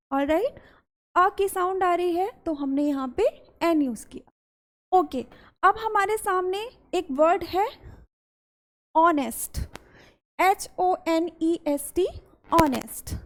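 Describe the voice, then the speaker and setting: Slow, high-voiced Indian woman teaching grammar. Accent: Indian English. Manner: slow, deliberate, repeats key words. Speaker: English teacher. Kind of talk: classroom-style grammar lesson.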